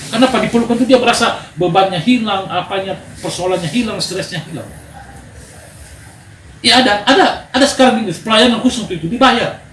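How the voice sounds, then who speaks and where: A preacher at a men's gathering delivers a sermon in a high-sitting male voice at a quick pace, telling animated stories and calling for amens. The room is echoey, with background noise.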